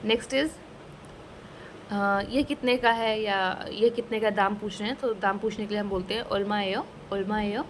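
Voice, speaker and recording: A woman teaching a casual language lesson, slowly explaining each phrase and repeating it twice, mixing English words into her talk. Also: mid-range voice, fairly even intonation, slight background noise, low-quality recording. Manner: mixes English words into Hindi.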